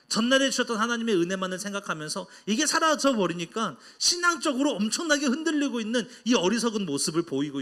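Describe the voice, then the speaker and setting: A man delivers a sermon with lively, dramatic swings in his voice. He speaks higher than most men and acts out the words he quotes as he preaches. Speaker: pastor.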